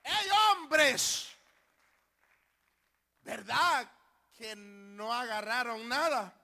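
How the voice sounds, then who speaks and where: A man voicing Jesus as a grown man who calls out loudly and teasingly to his disciples. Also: extremely high pitch, slow pace, creaky, full character voice. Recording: long hall reverb.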